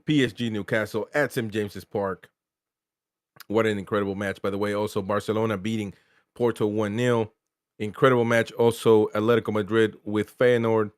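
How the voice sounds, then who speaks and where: A man hosting a live football match reaction show, talking in an emphatic, excited way with repeated exclamations. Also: fairly low pitch, moderate pace, clear, resonant tone, no echo, clean studio sound.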